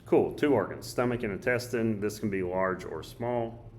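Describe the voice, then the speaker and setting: A male teacher with a hoarse, choked-up voice, casually thinking aloud as he walks through a study guide. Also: fairly low pitch, normal speed, slight background noise. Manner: casual, thinks aloud while drawing and writing. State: hoarse, coughing. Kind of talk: recorded study guide walkthrough.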